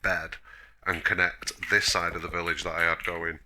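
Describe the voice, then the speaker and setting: A man's voice: low-pitched, flat delivery, normal speed, pushed and bright. A man giving a casual, rambling gameplay tour as host, self-deprecating and a little grumbly, sounding chesty from a cough. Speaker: host of a gaming video.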